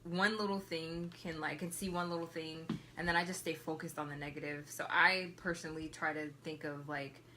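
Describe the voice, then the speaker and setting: A woman from Los Angeles co-hosting a podcast, speaking softly and thoughtfully with many hesitations. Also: sits low, little pitch movement, fairly quick, few pauses, slight background noise. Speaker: podcast co-host. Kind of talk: casual chat.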